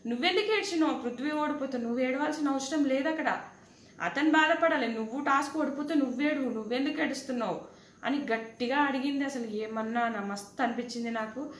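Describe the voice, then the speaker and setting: A woman reviewing a reality show in casual, animated talk, addressing the contestants directly. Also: high voice, a little fast. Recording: echoey room with faint background noise.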